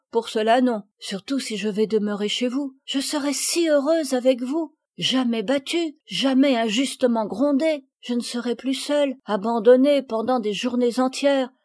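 A woman's voice: on the high side, unhurried, a little mellow, dry recording, studio quality, voice pushed up. A woman voicing a timid, mistreated little girl. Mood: sorrowful. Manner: sighing, plaintive.

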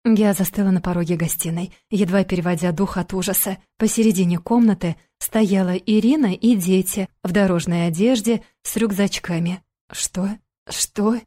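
A woman reading a first-person audiobook in a steady, even way. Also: medium pitch, normal speed, few pauses. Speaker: audiobook narrator.

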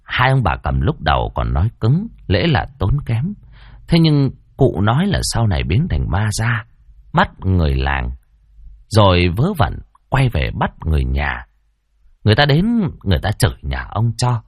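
A man narrating a spooky folk tale in a dramatic, expressive way. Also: deep voice, a little slow, slightly rough, no room sound, studio quality. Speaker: storyteller.

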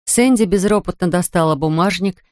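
A woman's voice: fairly low pitch, normal speed, darkish tone, no room sound, studio quality. A woman narrating an audiobook steadily, voicing the characters herself.

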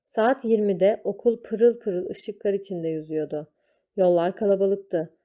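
A woman reading a children's story aloud, slow and deliberate. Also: mid-range voice, fairly even intonation, warm tone.

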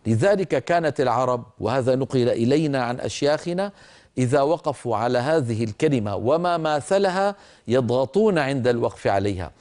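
An older man teaching Quran recitation, patiently explaining and slowly stretching out words to show how they are pronounced. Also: mid-range voice, animated, darkish tone. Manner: stretches and repeats words slowly to demonstrate pronunciation; explains patiently, addresses listeners directly.

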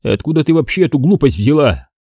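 A gruff middle-aged police chief, impatient and slangy, voiced by a man reading an audiobook. The voice is dark and mellow with a lively pitch. It is recorded dry and close. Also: quick pace, no room sound, full character voice.

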